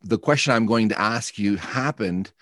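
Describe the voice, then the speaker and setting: A man's voice: fairly low pitch, moderate pace, a bit bright, dry recording, studio quality. A man hosting a podcast interview, asking friendly, rambling questions with lots of fillers. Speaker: podcast host. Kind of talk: casual interview.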